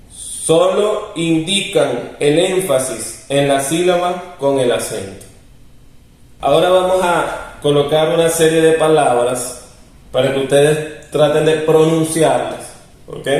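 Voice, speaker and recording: A man's voice: a little high, a little mellow. Man teaching in a very echoey room. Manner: patient, explanatory, repeats key rules. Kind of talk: recorded classroom lesson. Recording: very echoey room, distant mic.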